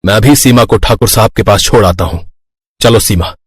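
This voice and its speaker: A man's voice: on the low side, normal speed, breathy edge, no room sound, clean studio sound. An actor voicing a bandit father who resolves earnestly to go straight. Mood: resolute. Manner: firm, earnest.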